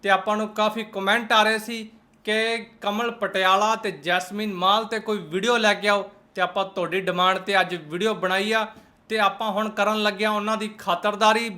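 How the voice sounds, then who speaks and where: Very high, bright sarcastic Punjabi man. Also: steady tone, moderate pace. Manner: sarcastic, teasing, colloquial. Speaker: host of a roast reaction channel. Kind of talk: mocking reaction commentary.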